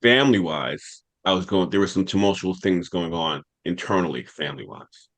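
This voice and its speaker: A man's voice: sits low, animated, normal speed, a bit bright. A man hosting a podcast and telling a rambling personal story from childhood, with a New York accent. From United States. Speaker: podcast host. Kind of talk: casual storytelling.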